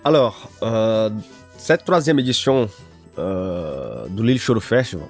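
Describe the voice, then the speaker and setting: A man's voice: fairly low pitch, animated, measured pace, a little mellow, faint music behind. A man from northern Brazil, a native Portuguese speaker, talking as a guest musician in a radio interview, hesitant with many fillers and restarts.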